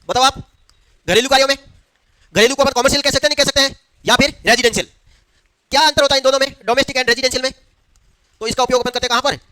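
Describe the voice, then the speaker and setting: A man teaches a lecture in a very high, fast voice, firing questions at the class and then answering them himself. His tone is bright and the sound is dry. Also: clear, resonant tone, no echo.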